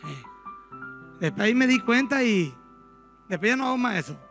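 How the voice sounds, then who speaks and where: A man with a Paraguayan Spanish accent preaching a sermon as pastor in a church, telling stories in an animated way and acting out the dialogues. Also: extremely high pitch, normal speed, soft background music.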